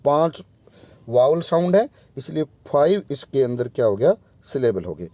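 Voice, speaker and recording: A man's voice: medium pitch, sing-song, normal speed, mellow, no room sound. A man teaching English pronunciation in a video lesson, spelling out vowel sounds one by one and addressing his students directly.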